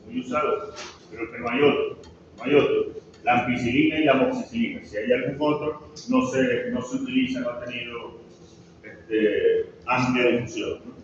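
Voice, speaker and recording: A male pharmacology lecturer with a Venezuelan Spanish accent teaches a large classroom, often quizzing the students and checking in with frequent "¿sí?" prompts. His medium-pitched voice moves at a moderate pace, picked up from far away with slight hiss or hum. The recording sounds echoey and muffled, like a classroom heard from a distance.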